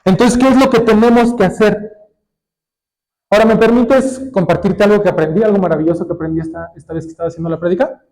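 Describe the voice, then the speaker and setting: Male pastor, high voice, preaching and quizzing the congregation. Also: fairly even intonation, darkish tone, low-quality recording. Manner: asks the congregation questions and waits for answers; reads scripture aloud slowly, drawing words out. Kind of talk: sermon.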